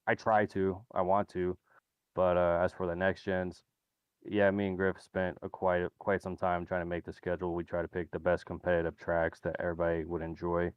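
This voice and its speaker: A man's voice: deep voice, little pitch movement, a little fast, clear, resonant tone, no echo, lo-fi sound. A man, the race winner, talking casually with many restarts in a post-race interview.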